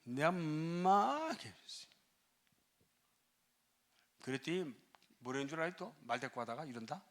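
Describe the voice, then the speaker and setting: A middle-aged male pastor telling a story in a sermon, animated, acting out dialogue and scolding. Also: on the high side, normal speed.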